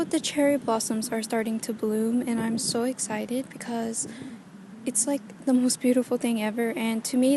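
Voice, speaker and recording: Female vlogger, slightly high voice with little pitch swing, informal chat recorded outdoors on an earbuds mic. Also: background noise. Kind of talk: casual vlog chat. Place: outdoors in a park. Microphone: earbuds headset mic.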